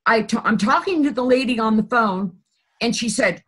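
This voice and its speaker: Woman telling a story, animated, repeats herself for emphasis, slightly high voice. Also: moderate pace, slightly rough. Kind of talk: casual chat, telling a story.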